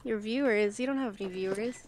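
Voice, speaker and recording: A woman's voice: medium pitch, fairly quick, darkish tone, a little hiss or hum. A woman chatting with a friend on a call, teasing and giggly. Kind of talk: casual chat.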